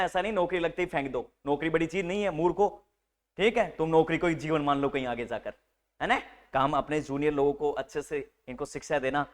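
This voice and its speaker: A man teaches a live nursing class, his slightly raised voice carrying across the room as he teases and coaxes the students. He drops English medical terms into an animated, joking delivery. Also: on the high side. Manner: animated, teasing, mixes Hindi with English terms.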